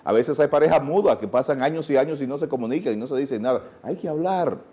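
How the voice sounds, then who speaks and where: Mellow Dominican man teaching speech. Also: medium pitch, fast, dull audio. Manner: didactic, poses rhetorical questions. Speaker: guest speaking teacher. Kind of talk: TV interview, explaining.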